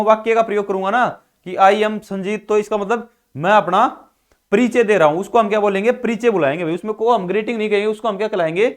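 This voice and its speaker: A male teacher, lecturing a class and answering his own questions, with a steady "ठीक है भाई". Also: high-pitched. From Haryana, India. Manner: repeats questions and answers them himself, frequent "ठीक है भाई". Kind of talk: classroom lecture explaining English pronunciation.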